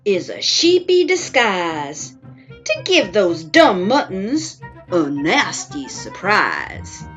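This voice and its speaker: A woman's voice: medium pitch, huge pitch swings, takes it slowly, fairly bright tone, muffled recording, soft background music, voice pushed down, exaggerated voice. A woman voicing a wily, boastful male wolf in a children's storybook, smug and theatrical, relishing each word. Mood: scheming.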